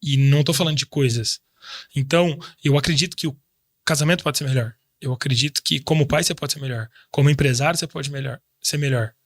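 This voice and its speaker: A Brazilian man in his thirties is a guest in a casual interview, speaking reflectively about faith and often restarting his sentences. His medium-pitched voice is fast, recorded on a studio microphone with studio quality and no echo.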